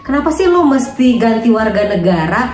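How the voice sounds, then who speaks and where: A woman's voice: on the high side, very animated, moderate pace, a little mellow, recorded from a distance, soft background music. A married woman guest in casual chat, speaking candidly and laughing easily. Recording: echoey room, away from the mic.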